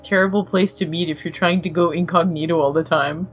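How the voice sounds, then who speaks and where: A woman's voice: fairly low pitch, steady tone, a little fast. A woman in natural, unscripted casual chat as a podcast co-host, with a teasing manner. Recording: dull lo-fi sound, music behind.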